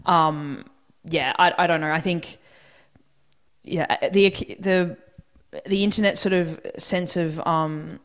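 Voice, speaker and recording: A woman co-hosting a podcast, talking things through in casual chat with frequent restarts and hedges. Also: low-pitched. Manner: thoughtful, hedging with fillers and restarts. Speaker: podcast co-host.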